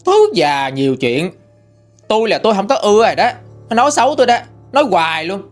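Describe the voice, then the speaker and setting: A man voicing a spiteful, sharp-tongued young daughter-in-law, shrill and scornful. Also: big pitch swings, fast, soft background music.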